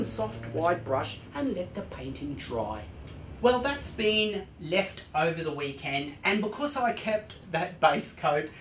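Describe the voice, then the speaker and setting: A man's voice: high-pitched, echoey room, a little hiss or hum. A man in his forties teaching oil painting in a studio, explaining each step in an enthusiastic, explanatory way. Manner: lively, explanatory, enthusiastic about technique. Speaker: art instructor. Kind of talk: painting tutorial narration. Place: indoor art studio with easel.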